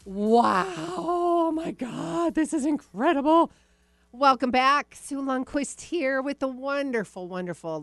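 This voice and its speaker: A woman's voice: fairly low pitch, no room sound. Effusive woman radio host, dry sound. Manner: effusive, uses endearments. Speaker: radio call-in show host. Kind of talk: casual, chatty hosting.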